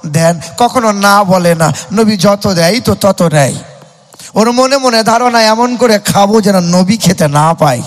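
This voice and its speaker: A man's voice: high voice, lively intonation, measured pace. A man preaching a sermon, telling a story in a sing-song cadence and calling out to his listeners. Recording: long hall reverb.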